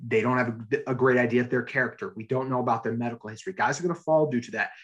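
Fast-talking man hosting a podcast. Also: medium pitch, dull audio. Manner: energetic, emphatic, leads the conversation. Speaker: podcast host. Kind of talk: casual podcast chat.

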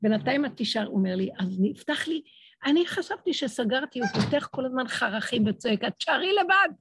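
Impassioned middle-aged woman with a gravelly voice. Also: slight background noise. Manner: impassioned, acts out dialogues with swinging pitch. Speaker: religious speaker. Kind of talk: emotional religious talk to an audience.

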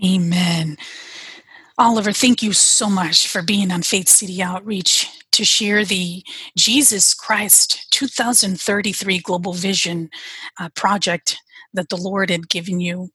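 A woman's voice: on the low side, steady tone, a little slow, sharp tone, slightly rough, dry recording. A woman hosting an interview, thanking her guest and inviting him to close in prayer. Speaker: host.

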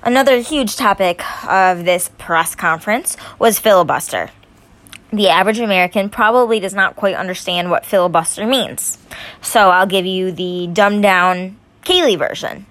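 A young woman talks straight to her viewers, breaking down the news in her own casual words. She gets heated and emphatic, stumbling and repeating herself as she works herself up. Her voice sits at an ordinary middle pitch. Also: moderate pace, a bit bright, dry recording. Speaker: political commentary vlogger. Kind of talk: casual opinion commentary.

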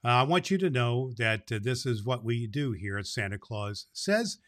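Santa Claus here is a man hosting and reading stories to children, leaning on affectionate, emphatic repeats. His mid-range voice has lively intonation, a fairly bright tone and normal speed.

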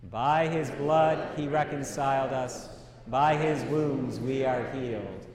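A man leading a church liturgy as priest, reciting prayer in a measured, reverent way with pauses between short phrases, in cathedral-like echo. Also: mid-range voice, a crowd in the background. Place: large reverberant church, indoors.

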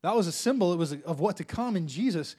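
A man's voice: sits high, animated, quick pace, dark tone, breathy edge. A male preacher delivering a sermon and leading the congregation in prayer, with fervent call-and-response and lines repeated for the room to echo.

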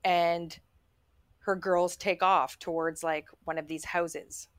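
A woman's voice: on the low side, slow pace, dry recording. Chatty woman telling a story. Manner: chatty, many "like" fillers, animated when quoting. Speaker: podcast co-host. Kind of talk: casual storytelling chat.

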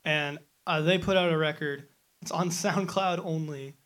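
19 yo band guy, kinda higher voice, laid back and chatty. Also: fairly even intonation, measured pace, fairly bright tone. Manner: easygoing, rambling, friendly. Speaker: band member, interview guest. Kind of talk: casual interview answers.

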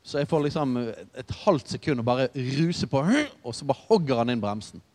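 Male preacher, chatty storytelling sermon, mid-pitched voice, long hall reverb. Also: animated, a little mellow. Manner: conversational, storytelling with asides.

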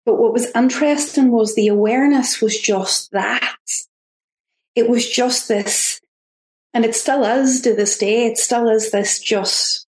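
A woman with an Irish accent, a podcast guest talking in an earnest, halting way with frequent restarts. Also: a little high, a little mellow. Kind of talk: reflective interview talk. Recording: roomy echo.

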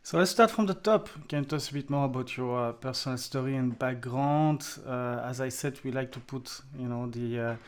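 A man's voice: mid-range voice, a little fast, hardly any pauses, clean tone. Upbeat male podcast host. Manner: upbeat, with frequent uh fillers. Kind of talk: podcast interview.

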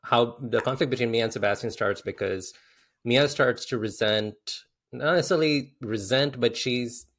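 A man's voice: medium pitch, moderate pace, fairly bright tone. A man talking casually in a film discussion, explaining his view and quoting dialogue in his own voice.

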